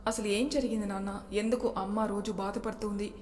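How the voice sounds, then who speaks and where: A woman's voice: mid-range voice, fairly even intonation, a little fast, a little mellow, natural voice. A woman voicing a young man who questions his sister and father, recorded with a long reverb. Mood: concerned. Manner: questioning, demanding.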